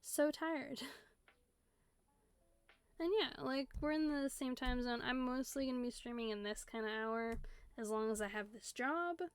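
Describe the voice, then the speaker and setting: A woman in her twenties with a West Coast American accent chats loosely on her stream from home. Her voice sits a little high and carries a gravelly fry. She rambles and leans on "like" constantly. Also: fairly even intonation, a little slow, long pauses, dry recording. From United States, Seattle area. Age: 20s. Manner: rambling, filler-heavy talk with many "like"s. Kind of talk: casual chat. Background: faint music playing.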